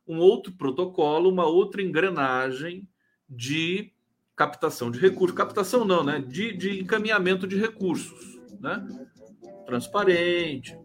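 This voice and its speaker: A man's voice: a little high, fairly bright tone. A man hosting a live stream, chatting casually about politics, rambling and tagging his sentences with questions to viewers. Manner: chatty, rambling, constant "né?" tags, reads out viewer comments.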